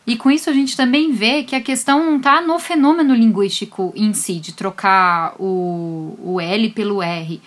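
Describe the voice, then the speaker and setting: A woman with a Brazilian accent, a linguist explaining a lesson directly to her listeners. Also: fairly high pitch.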